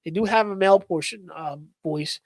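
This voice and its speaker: A man, a paranormal investigator, telling a spooky story in casual live-stream chat, excitable and full of fillers. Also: high-pitched, normal speed, a crowd in the background, rough recording.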